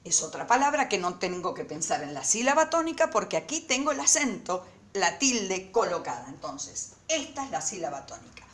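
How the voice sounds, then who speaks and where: In an echoey room, a woman teacher delivers a recorded lesson to her students, speaking slowly and emphatically and repeating words syllable by syllable. Her fairly bright voice rises and falls in big pitch swings.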